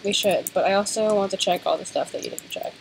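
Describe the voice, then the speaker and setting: A young woman co-playing a game, soft-spoken and mumbling in casual chat. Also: medium pitch, fast, vocal fry, noisy background. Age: young adult. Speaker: co-player. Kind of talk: casual let's-play chat.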